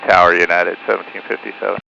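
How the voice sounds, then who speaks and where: A man's voice: sits low, level tone, fast, creaky. A male airline pilot heard over aviation radio, giving clipped, slightly hesitant readbacks to the control tower. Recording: muffled radio with loud static.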